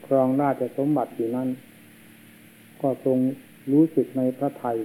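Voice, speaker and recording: A man, a monk, giving a slow and solemn sermon, heard on an old worn tape. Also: medium pitch, steady tone, mellow, low-quality recording. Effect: old worn tape recording.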